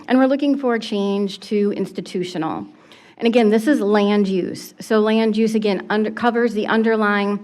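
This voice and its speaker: A woman, the city's community development director, explaining a planning item to the council with occasional restarts. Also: medium pitch. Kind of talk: presenting a staff report. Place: council chamber.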